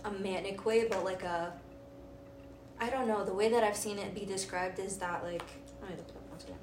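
A woman's voice: medium pitch, steady tone, a little fast, a little mellow. A woman co-hosting a casual podcast chat, rambling with many fillers and reading aloud from her phone. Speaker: podcast co-host. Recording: roomy and distant, noisy.

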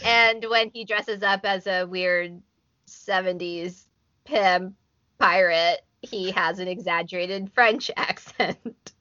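A woman from Brazil co-hosting a casual chat podcast, asking animated, digressive questions. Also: lowish voice, slow. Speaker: podcast co-host. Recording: dull lo-fi sound.

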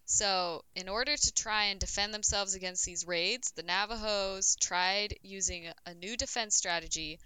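A woman's voice: mid-range voice, sharp tone, clean tone, no echo, rough recording. A woman co-hosting a casual podcast, telling a history story in a loose, chatty way with plenty of "um"s and the odd swear.

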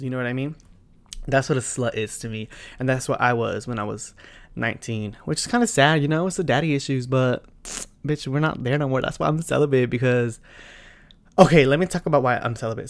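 A man in his twenties hosting a solo podcast, talking bluntly and profanely, with loud bursts and quiet asides. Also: mid-range voice. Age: 20s. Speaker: podcast host. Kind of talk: casual solo podcast chat.

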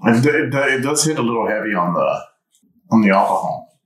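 A man co-hosting a podcast in casual chat, rambling with halting restarts. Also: mid-range voice, expressive. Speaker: podcast co-host. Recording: echoey room.

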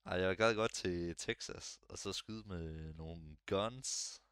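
A young man chatting casually on a podcast, relaxed and hesitant, with lots of fillers and restarts. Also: sits low, clean tone, no room sound, studio quality. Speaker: podcast co-host. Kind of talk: casual chat.

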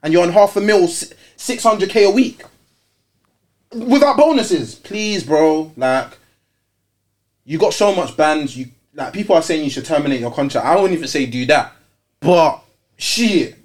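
A man's voice: on the high side, animated, unhurried, a little mellow. A man with an urban London roadman accent hosting a casual football debate, emphatic and repetitive, full of street slang and rhetorical questions. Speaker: football show host.

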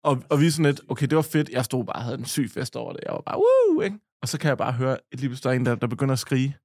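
A man's voice: mid-range voice, fairly even intonation, no room sound, studio quality. A man co-hosting a podcast, telling a long story in a loose, rambling way with many fillers. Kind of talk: casual podcast chat, storytelling.

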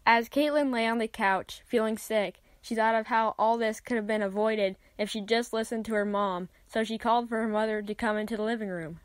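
A woman narrating a children's Bible story in an even, clear read-aloud manner. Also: on the high side, a little fast, hardly any pauses, no room sound.

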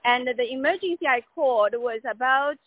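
Female caller, high voice, halting unscripted complaint over thin phone audio. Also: slight background noise. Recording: tinny dry phone line.

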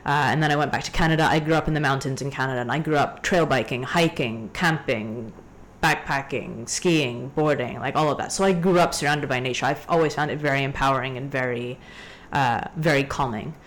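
A young woman from Hong Kong telling a story in a casual podcast chat, ranty and animated. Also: very deep voice, a little fast, hardly any pauses. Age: young adult. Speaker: guest.

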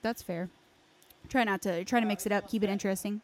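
In a casual podcast conversation about game lore, a woman phrases things loosely and hesitantly, using "like" often as a filler. Her mid-range voice is steady and darkish, and she speaks fairly quickly.

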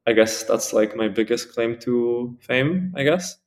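This podcast guest, a Spanish man in his early twenties, rambles casually through his interview answers, peppering them with "like," "um," and other fillers. His voice sits in the mid-range and moves at a measured pace.

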